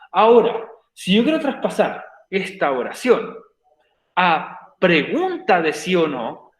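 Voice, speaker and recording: High-voiced man teaching in an echoey room. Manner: patient, repeats structures step by step. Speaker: English teacher. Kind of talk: online class explanation. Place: home, online class.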